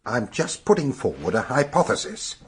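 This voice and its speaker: Husky, methodical British police superintendent. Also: male voice, medium pitch, huge pitch swings, normal speed, heavily acted. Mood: reasoning. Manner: reasoning, formal. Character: methodical male police superintendent, brisk and official. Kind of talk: radio drama acting.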